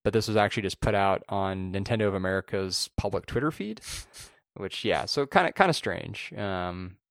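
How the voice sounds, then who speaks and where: A man's voice: low voice, animated, normal speed, a bit bright, dry recording, clean studio sound. A man co-hosting a podcast, chatting casually about tech news and often restarting his phrases. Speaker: podcast co-host.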